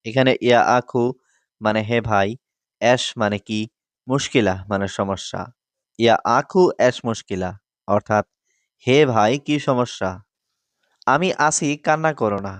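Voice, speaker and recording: A man from Bangladesh giving a scripted lesson, explaining phrases word by word in a steady, repetitive way. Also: on the low side, unhurried, pauses often, clear, resonant tone, no room sound. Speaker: Arabic language teacher.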